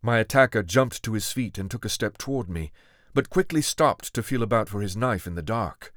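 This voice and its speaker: A man reading a first-person adventure story aloud in a steady, dramatic manner. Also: lowish voice, a little fast, no room sound, clean studio sound. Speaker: audiobook narrator. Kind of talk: scripted first-person narration.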